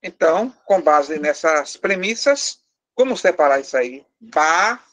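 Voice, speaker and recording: A man's voice: a little high, animated, measured pace, a bit bright. Brazilian male teacher, patient step-by-step explainer, quizzes the class, a little teasing. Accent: Brazilian Portuguese. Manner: lightly teasing, joking with the class. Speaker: language teacher. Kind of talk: live class lesson.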